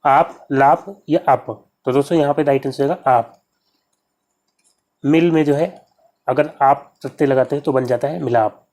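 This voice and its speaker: Man, exam tutor, mid pitch, repetitive step-by-step explanations. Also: steady tone, normal speed, pauses often, warm tone. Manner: repetitive, addresses viewers as friends. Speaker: exam prep teacher. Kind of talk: explaining quiz answers.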